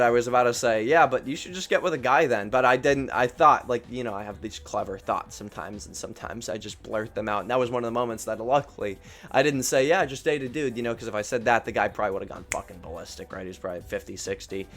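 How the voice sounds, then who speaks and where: A man's voice: lowish voice, fast talker, a bit bright, faint music behind. A young man telling a true story in a casual, rambling way, swearing and poking fun at himself. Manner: rambling, profane, self-deprecating.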